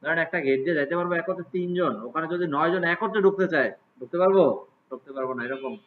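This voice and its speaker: Talking rapid-fire in a slightly high voice, a male computer teacher casually walks his class through a lesson live, frequently checking in with questions to the students. The recording has a tinny, phone-like lo-fi quality with faint hiss.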